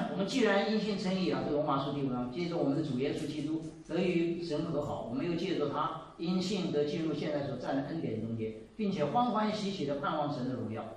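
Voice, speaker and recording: A man in his seventies giving a sermon and telling a story, moving between loud exclaiming and quiet asides. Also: fairly high pitch, distant mic. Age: 70s. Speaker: preacher. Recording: echoey room, voice from off the mic.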